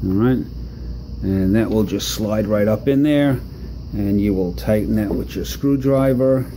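A product demonstrator with a lowish voice narrates a hands-on repair at an indoor workbench, staying off-camera. His delivery is easygoing and halting, packed with fillers, against a noisy background.

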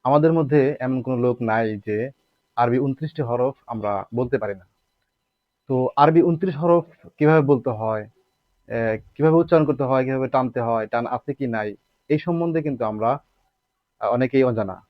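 A man's voice: mid-range voice, a little fast, long pauses, no room sound, narrow, tinny audio. A man teaching Arabic letter pronunciation in a patient, repetitive way, asking rhetorical questions and drawing out sounds to demonstrate them. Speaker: Quran recitation teacher.

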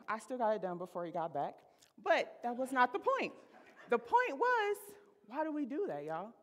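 A woman's voice: a little high, a bit bright. A woman in her thirties preaching a sermon from a church stage, telling a personal story in a chatty, laughing way and calling the congregation y'all. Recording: reverberant sanctuary.

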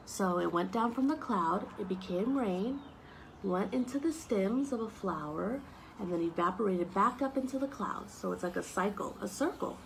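Outdoor ambient sound comes through clearly in this noisy home video of a woman in her thirties reading to young children on a deck among trees. She's animated, tossing in chatty asides and questions, her medium-pitched voice at a moderate pace, recorded from arm's length.

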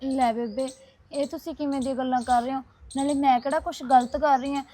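A caring young neighbour, played by a woman, soothing and reassuring. Her voice is high-pitched. She speaks in a short village drama. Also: fairly even intonation, fairly quick, dark tone, slight background noise, close to an everyday voice.

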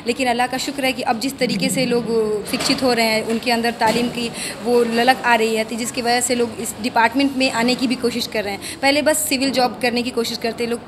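A woman's voice: fairly high pitch, little pitch movement, a little fast, few pauses, noisy background. A young woman in her twenties, a newly selected police sub-inspector, answers fluently and articulately into a handheld mic. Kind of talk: interview answer.

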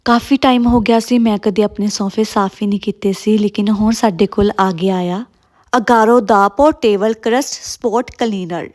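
A woman's voice: mid-range voice, fairly even intonation, normal speed, darkish tone. A woman with a Punjabi accent giving a sponsored product demonstration.

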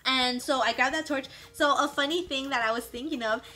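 A young woman casually recapping her time on a reality show, animated, acting out what others said in quick quoted asides. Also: high voice, soft background music.

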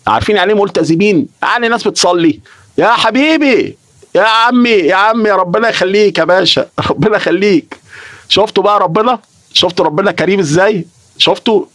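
A young Egyptian man chats casually on a live stream in a high-pitched, fairly bright voice, recorded with no room sound. Speaking with an Egyptian Arabic accent, he gets emotional, repeats himself and swears oaths as he talks.

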